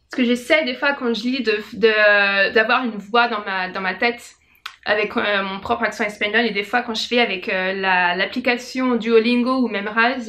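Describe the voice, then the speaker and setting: A woman's voice: a little high, bright, forceful tone. A young woman with a French accent, chatting casually in a vlog, hesitant with many fillers and self-corrections and a self-mocking humor. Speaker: vlogger. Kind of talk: casual vlog, reading aloud and singing.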